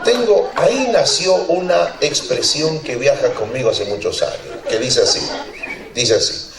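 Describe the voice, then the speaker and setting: A man's voice: medium pitch, measured pace, a crowd in the background. A man preaching a sermon as a pastor, telling a funny story with lots of laughter and acted-out voices. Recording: roomy church hall, distant mic, congregation audible.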